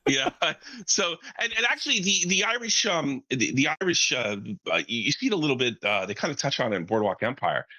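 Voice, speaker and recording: A man's voice: medium pitch, sing-song, brisk, few pauses, pushed and bright, poor audio. A man from the United States with an American accent, chatting casually in a brash, sweary, rambling way. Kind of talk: casual chat.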